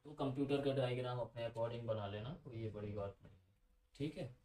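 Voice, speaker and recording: A man's voice: mid-range voice, moderate pace, mellow, reverberant, recorded from a distance, rough recording. A man teaching a computer lesson in a casual, chatty way, asking his students questions and drifting into side stories.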